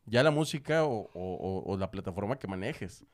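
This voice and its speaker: A man hosting a casual conversation, relaxed and slangy, often stammering and restarting his sentences. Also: fairly low pitch, normal speed, a crowd in the background. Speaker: host. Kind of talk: casual chat.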